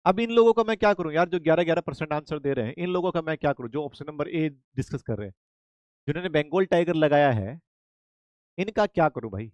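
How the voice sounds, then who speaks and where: A man runs a live online lesson, repeating each fact and quizzing his students over and over, with English terms mixed into his speech. His voice sits a little high. The sound is close and dry. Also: quick pace, no room sound. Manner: lively, repetitive drilling with questions to students; mixes Hindi with English terms. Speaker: online exam-prep teacher.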